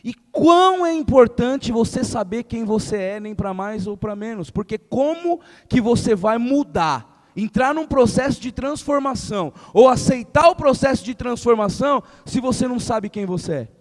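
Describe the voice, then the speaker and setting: High-voiced São pastor preaching. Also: male voice, normal speed, few pauses. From Brazil. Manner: animated preaching, acting out everyday quotes, building to emphatic rhetorical questions. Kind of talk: sermon. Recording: long hall reverb.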